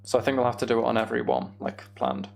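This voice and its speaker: Speaking very fast in a sing-song, medium-pitched voice that is gravelly yet a little mellow, a man streams a game live. He thinks out loud and reads and responds to comments from his viewers in casual conversation.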